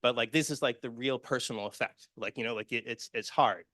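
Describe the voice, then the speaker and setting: Male conference speaker, earnest and personal, bright tone, dry close sound. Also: mid-range voice, a little fast, no echo. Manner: earnest and personal, many fillers and restarts. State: emotional, near tears. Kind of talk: conference presentation with slides.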